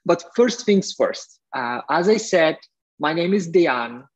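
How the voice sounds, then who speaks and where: A middle-aged Bulgarian entrepreneur, appearing as a guest speaker, addresses a young audience in an earnest, friendly manner, often dropping in "uh" fillers. His slightly husky, somewhat high voice is expressive and measured in pace. The audio is muffled and lo-fi, as on a video call.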